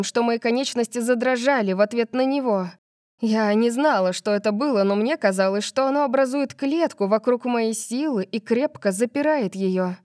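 Woman, audiobook narrator, mellow dark voice, measured storytelling, dry studio sound. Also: fairly high pitch, dry recording. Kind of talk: first-person fantasy audiobook narration.

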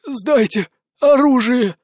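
A man voicing a timid male colonel who stammers and bursts out in a high, nervous voice. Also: slow pace, a little mellow, no room sound, studio quality, heavily acted. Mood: flustered.

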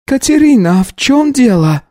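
Casting: woman playing a capable housekeeper-midwife, raised lively voice, firm and reassuring, dry close sound. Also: high voice, normal speed, no echo. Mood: calm, firm. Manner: firm, soothing, matter-of-fact. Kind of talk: audiobook reading.

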